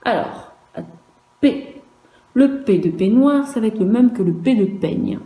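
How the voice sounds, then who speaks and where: Slow, dark-voiced woman teacher. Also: on the high side, expressive, reverberant, rough recording. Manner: slow and careful, spelling out letters one by one and repeating each word. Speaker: primary school teacher. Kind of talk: virtual dictation lesson for young children.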